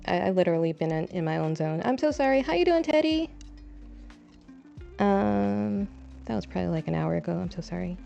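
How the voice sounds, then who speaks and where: A young woman talks her way through planting seeds on her balcony, rambling and poking fun at herself. Her voice is gravelly and mellow, and it comes through a dull, lo-fi mic with faint music behind her. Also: on the low side, lively intonation, brisk. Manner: rambling, self-deprecating, chatty. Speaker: streamer gardening on her balcony. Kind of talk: casual chat. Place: home balcony. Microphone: desk mic, braids brushing it.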